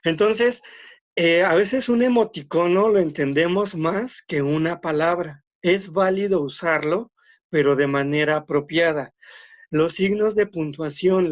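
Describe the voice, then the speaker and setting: A man's voice: on the high side, muffled recording. A man teaching an online class, explaining at length with frequent "este" fillers and repeated words.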